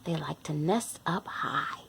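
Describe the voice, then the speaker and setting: Slow and gravelly, a low-pitched female host reads a picture book aloud to small children, addressing them directly and bringing animal sounds to life. The expressive read-along is heavily noisy.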